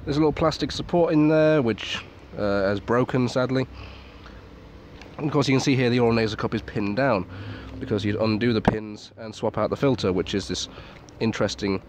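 A man with a mid-range, slightly mellow voice reviews a military surplus gas mask at a fairly quick clip. His casual, unscripted take is understated, peppered with swearing and muttered asides. He's outdoors in a garden at night, and the recording is clearly noisy.

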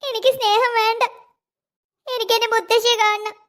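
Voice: very high voice, little pitch movement, moderate pace, fairly bright tone. A performer voicing a frightened, helpless little girl in a cartoon, pleading in a panicky way. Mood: scared. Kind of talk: cartoon voice acting.

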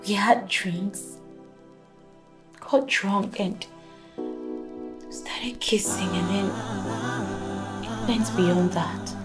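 A woman's voice: mid-range voice, fairly even intonation, extremely slow, pauses often, over music. An actress playing a distressed, earnest young woman with a Nigerian English accent, exasperated with her friend. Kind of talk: film drama dialogue.

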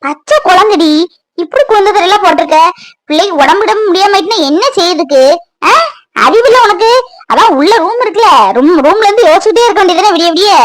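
A woman's voice: high-pitched, rough recording. Woman doing a scolding, bossy cartoon mother. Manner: scolding, nagging with repeated questions. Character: scolding middle-aged mother, sharp-tongued and bossy. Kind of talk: cartoon voice acting.

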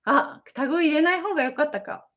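A woman's voice: high-pitched, a little fast, fairly bright tone. A young woman from Japan hosting a casual livestream from her home, reading viewer comments, chatty and often laughing between many fillers. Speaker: livestream host, idol. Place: home in Sendai.

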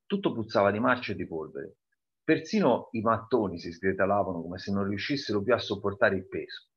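A man reading a novel aloud in a calm, deliberate way, pausing to comment on the story. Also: lowish voice, dull audio. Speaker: reader presenting a novel.

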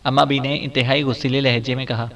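Male audiobook narrator, steady reading. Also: mid-range voice, fast, highs cut off. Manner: steady storytelling delivery. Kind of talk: scripted novel narration.

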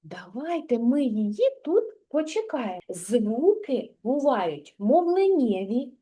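Sing-song kindergarten teacher, high and lively. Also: female voice, slightly rough. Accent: Ukrainian. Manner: sing-song, drawn-out and coaxing, reciting rhymes. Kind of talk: lesson for small children.

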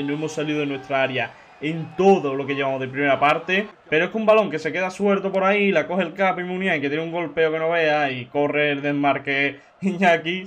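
A young man from giving excitable, chatty football video game commentary, shouting at big chances. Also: a little high. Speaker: gaming YouTuber. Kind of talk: let's-play commentary.

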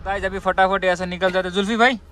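A man's voice: high voice, fairly even intonation, fast, pushed and bright, a little hiss or hum. A young man chatting casually to viewers in a travel vlog, recording on a handheld phone in a car and outdoors. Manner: chatty, addresses viewers as guys, upbeat. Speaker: travel vlogger. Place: inside a car, then outdoors at a scenic viewpoint. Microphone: phone camera held at arm's length.

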